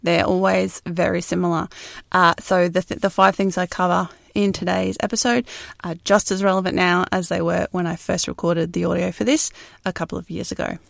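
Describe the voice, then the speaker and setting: A woman's voice: fairly low pitch, flat delivery, brisk, creaky, dry recording, clean studio sound. An Australian woman hosting a podcast in casual solo talk, recorded inside a closet. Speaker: podcast host.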